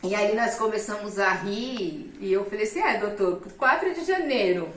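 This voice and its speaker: A middle-aged woman, a guest, shares her personal testimony in casual conversation, acting out the voices she quotes. Her mid-range voice is animated and a bit bright at a normal speed, recorded from a distance in a roomy space with slight hiss or hum.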